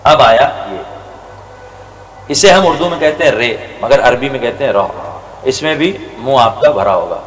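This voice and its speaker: A male religious scholar giving a Quran recitation lesson, slowly drawing out each Arabic letter. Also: mid-range voice, lively intonation. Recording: reverberant hall with faint noise.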